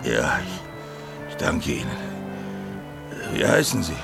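An actor playing a dazed but polite bearded man with a gravelly voice in a German audio drama. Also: low-pitched, takes it slowly, music in the background, exaggerated voice. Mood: dazed, grateful.

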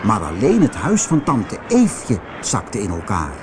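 A man reading a children's story aloud, slow and unhurried, his voice rising and falling with great expression. Soft music plays quietly underneath. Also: fairly low pitch. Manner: expressive, animated. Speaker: narrator.

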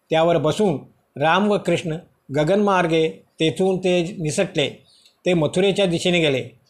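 Guy reading scripture story out loud, high voice, even and measured. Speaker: reader of scripture. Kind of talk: scripted narration of a sacred story.

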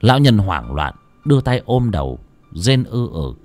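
A man narrating a horror story in an expressive, dramatic style. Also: lowish voice, moderate pace, faint music behind. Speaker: audiobook narrator.

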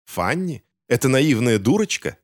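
A man voicing a smug, scheming villain of a gentleman, sneering and contemptuous in an audiobook reading. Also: medium pitch, very animated, normal speed, no echo, clean studio sound, natural voice.

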